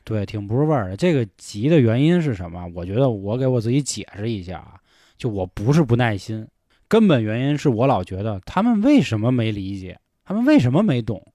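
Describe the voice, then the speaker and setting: A man's voice: medium pitch, big pitch swings, a little fast, mellow, dry recording, clean studio sound. Frank, swearing man chatting. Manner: frank, swears a lot, reflective. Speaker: podcast host. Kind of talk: casual chat.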